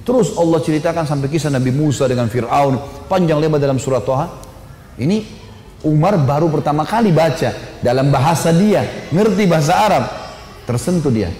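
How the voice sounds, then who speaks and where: A man preaching a sermon, telling a story in an animated, colloquial way with rising emphasis. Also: a little high, a little fast. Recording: echoey hall, faint noise.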